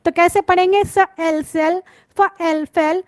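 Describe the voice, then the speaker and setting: A woman's voice: very high-pitched, steady tone, slow pace, no room sound. A woman teaching phonics, patiently sounding out letters and words and checking in with her students. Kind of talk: spoken lesson, sounding out words.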